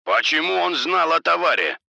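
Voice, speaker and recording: A man's voice: on the high side, very animated, normal speed, gravelly, pushed and bright, no room sound, pitched above the performer's own voice, heavily acted. A man voicing an angry drug boss who speaks harshly and menacingly.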